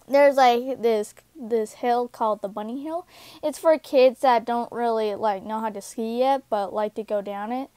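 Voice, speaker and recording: A young woman casually telling a personal story, halting with many fillers and restarts, recorded on a close home microphone. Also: a little high, a little mellow, smooth, no room sound.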